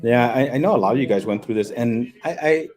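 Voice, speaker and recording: Mellow-voiced man chatting casually on a livestream. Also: medium pitch, fast. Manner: rambling, repeats words. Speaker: livestream host. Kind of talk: casual livestream chat reading viewer comments. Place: hotel room, indoors.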